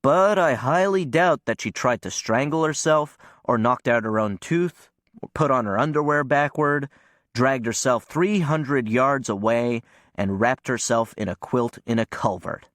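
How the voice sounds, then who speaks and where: A man's voice: medium pitch, a little slow, a bit bright, no room sound, clean studio sound, close to an everyday voice. A man voicing a wry medical examiner. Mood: sardonic. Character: dry, sardonic medical examiner.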